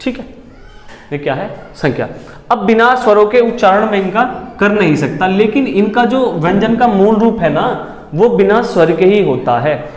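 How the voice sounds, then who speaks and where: A man's voice: sits high, animated, moderate pace. A male teacher giving an exam-prep lesson, asking the class questions, answering them himself and repeating key words. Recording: echoey room with long reverb.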